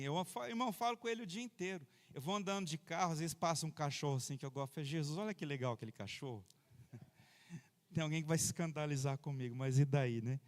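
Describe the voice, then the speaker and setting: Pastor preaching in a reverberant church. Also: male voice, fairly high pitch. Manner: conversational preaching, frequent amens and hallelujahs. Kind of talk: sermon. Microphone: handheld microphone.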